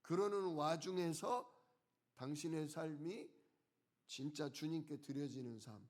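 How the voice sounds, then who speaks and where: A male pastor preaching a sermon, who asks the congregation questions and answers them himself, and slows down to stress key words. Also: a little high.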